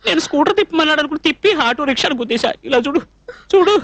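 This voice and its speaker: Brief: fussy young cook in a film dub, scolding and flustered, lively swooping delivery, close dry sound. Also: male voice, extremely high pitch, creaky, no echo, heavily acted. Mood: pleading. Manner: fussy, scolding, quick-tempered. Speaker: dubbing actor. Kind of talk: dubbed film comedy acting.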